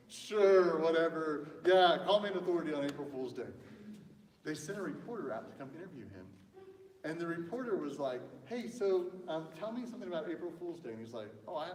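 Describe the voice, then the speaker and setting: Chatty pastor in an echoey hall. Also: male voice, a little high, a little mellow, slight background noise. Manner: chatty storyteller, acts out quotes. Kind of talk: casual sermon with audience banter. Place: church sanctuary. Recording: echoey church hall from a distance.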